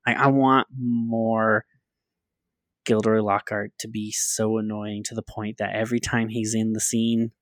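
A man's voice: mid-range voice, no echo. A man co-hosting a casual fan podcast, talking emphatically and repeating his points. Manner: emphatic, repeats himself, laughs often. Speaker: podcast co-host. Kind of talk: casual chat.

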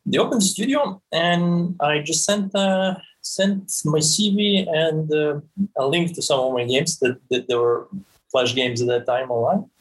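Man in his forties, podcast guest, husky voice, stop-start delivery. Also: on the high side, unhurried, poor audio. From Serbia. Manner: frequent stammered restarts, repeating words. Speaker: guest, game creative director. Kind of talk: podcast interview.

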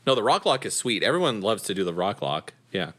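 A man's voice: lowish voice, big pitch swings, quick pace. A man co-hosting a podcast, chatting casually about music in a rambling, laid-back way. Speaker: podcast co-host. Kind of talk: casual chat. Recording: loud music behind. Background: music playing.

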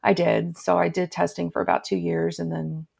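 A woman in her thirties, a guest on a podcast, chatting casually and telling lively stories, often acting out what people said. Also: lowish voice, normal speed, vocal fry, slightly rough. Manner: lively storyteller, acts out quoted voices. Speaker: podcast guest, crochet tech editor.

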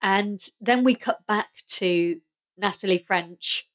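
A woman co-hosts a podcast, casually recapping a TV episode by retelling and quoting its scenes. Her voice is medium-pitched and slow.

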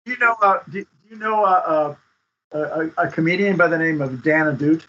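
A man giving advice as a script consultant guest in a casual interview, speaking haltingly and often repeating words. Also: on the high side, a bit bright. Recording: dull lo-fi audio.

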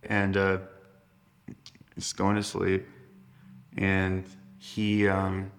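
A man's voice: deep voice, completely flat delivery, very slow. A young man telling stories as a podcast guest, rambling with lots of fillers and laughs. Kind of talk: casual storytelling chat.

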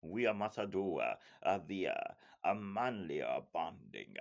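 A man mimicking a clumsy Italian man in a deliberately bad mock-Italian accent, halting and full of fillers. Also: low-pitched, sing-song, creaky, full character voice. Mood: hammy.

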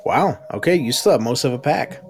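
A man's voice: mid-range voice, expressive, fairly quick, soft background music. A man running a tabletop horror game as game master, joking with his players.

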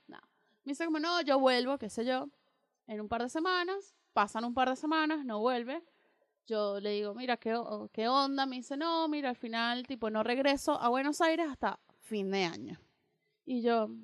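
A young woman co-hosting a radio show, casually telling a personal story and acting out both sides of the dialogue in an animated way. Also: sits high, dry recording, clean studio sound. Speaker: radio co-host.

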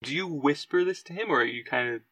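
A man narrating as game master of a tabletop game, animated and quick to laugh. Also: fairly high pitch, a crowd in the background.

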